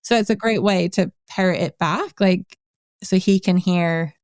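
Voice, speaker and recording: A woman's voice: fairly low pitch, measured pace, a little mellow, no room sound. Laughing, chatty woman host, dry sound. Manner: chatty, laughs often, many restarts and fillers. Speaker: podcast host. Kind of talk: casual interview chat.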